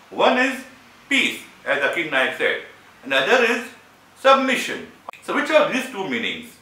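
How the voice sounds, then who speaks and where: Slow, bright-voiced man explaining point by point. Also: on the high side, distant mic. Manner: measured, explanatory, stresses key words. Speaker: video essayist reviewing a debate. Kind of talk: scripted analytical commentary. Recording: roomy sound from away from the mic.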